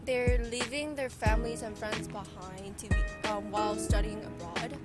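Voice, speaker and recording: A woman giving a measured, thoughtful interview answer with "um" pauses. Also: medium pitch, steady tone, over loud music.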